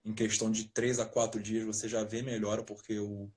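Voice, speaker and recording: A man from Rio de Janeiro state, a nutritionist guest, explaining things in a relaxed, jokey way over a video call from his parents' house. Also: fairly low pitch, a little fast. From Rio de Janeiro state, Brazil. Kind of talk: casual interview talk.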